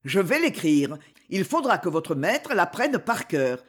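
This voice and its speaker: A man reading the part of a calm, solemn male sorcerer in an audiobook, speaking slowly and gravely. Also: high voice, full character voice.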